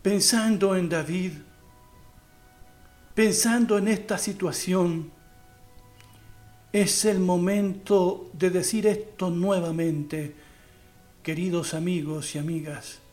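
A man preaching a sermon to his congregation in a slow, earnest, emphatic way, with dramatic pauses between phrases. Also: sits high, fairly even intonation, a little mellow, soft background music.

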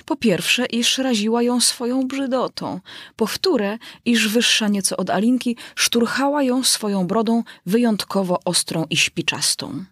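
A woman narrating a classic children's story in a measured, expressive audiobook reading. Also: fairly high pitch, slightly rough, dry recording, studio quality.

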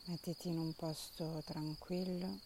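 A woman leading a guided meditation in a soft, calm, soothing voice with long pauses between instructions. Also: sits low, background noise.

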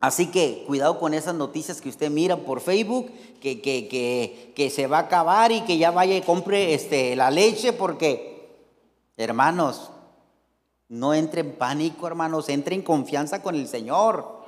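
A man with a Mexican accent preaching a fervent sermon as pastor, calling out to his brothers and sisters with lively asides. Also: on the high side, measured pace. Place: church hall. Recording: long hall reverb.

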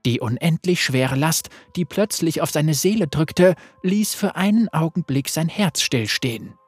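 A narrator reading a dark fantasy story aloud in a measured, dramatic way. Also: mid-range voice, animated, husky, dry recording, soft background music.

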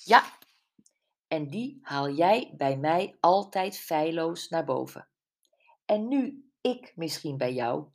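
A woman's voice: low-pitched, expressive, slow, full character voice. A woman voicing Brenda, a candid, self-mocking friend, in an audiobook. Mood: wry. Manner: wry, emotional, tearful at times. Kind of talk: audiobook character voice.

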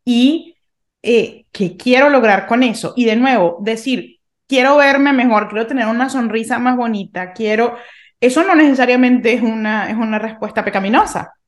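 A woman's voice: a little high, moderate pace. A woman in her thirties from Venezuela, talking through a faith topic in a reflective way, often restarting her sentences. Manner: reflective, thinking aloud with many restarts. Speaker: podcast co-host. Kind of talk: casual faith discussion.

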